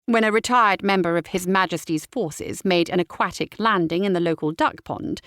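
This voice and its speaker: A woman's voice: mid-range voice, no room sound, studio quality. Woman narrating a cozy mystery. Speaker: audiobook narrator. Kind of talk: scripted narration.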